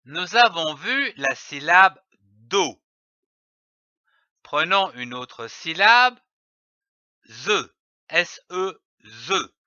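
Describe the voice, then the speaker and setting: A man giving a scripted reading lesson, spelling letters and syllables out slowly and clearly. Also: on the high side, lively intonation, sharp tone, no echo. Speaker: reading teacher. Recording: dull, slightly lo-fi audio.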